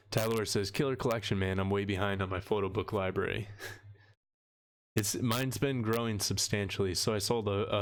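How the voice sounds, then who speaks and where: A man's voice: fairly low pitch, clear, resonant tone. Easygoing man hosting a late-night livestream. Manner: rambling, easygoing, laughs often. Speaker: livestream host. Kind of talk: casual livestream chat. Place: home room with shelves of books.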